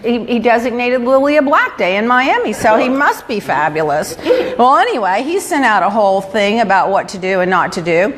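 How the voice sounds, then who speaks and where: A middle-aged woman hosting a casual gossip chat, telling stories with animated, exasperated quoting. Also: a little high, moderate pace, few pauses, a little hiss or hum. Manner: animated storytelling, acts out exasperated quotes. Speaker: talk show host.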